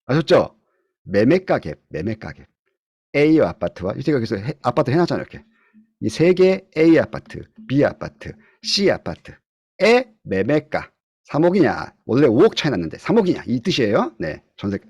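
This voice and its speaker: A man's voice: medium pitch, very animated, normal speed, husky, no echo. Guy giving an online real estate class, voice jumps up and down a lot, keeps asking the class stuff, dry close sound. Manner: questions the class often, swings between loud and soft. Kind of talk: online lecture to students. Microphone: computer mic on a video call.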